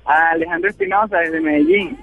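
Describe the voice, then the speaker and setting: Venezuelan man calling in, halting. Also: fairly high pitch, very animated, vocal fry, soft background music. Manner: hesitant, halting, many fillers. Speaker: caller. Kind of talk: radio call-in chat. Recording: dull phone-line call.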